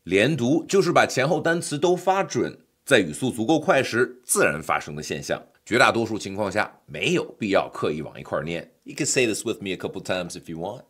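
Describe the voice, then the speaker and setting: Playful low-voiced man teaching. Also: very animated, brisk, few pauses, fairly bright tone, husky. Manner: playful, joking asides to the viewer. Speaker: English pronunciation teacher. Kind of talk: scripted lesson voice-over.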